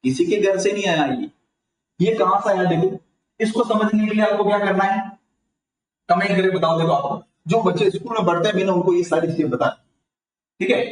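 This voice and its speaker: Hindi-speaking tutor in an echoey room. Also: male voice, high-pitched, a little fast, noisy background. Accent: Rajasthani Hindi. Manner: asks the class and answers himself. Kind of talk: online grammar lesson. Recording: echoey room, mic far off.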